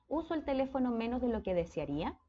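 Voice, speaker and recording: A woman's voice: fairly high pitch, very animated, fast talker, warm tone, dull audio, slight background noise. A woman with a Chilean accent giving a casual speech therapy lecture, often checking in with her students. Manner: conversational, checks in with frequent "¿ya?".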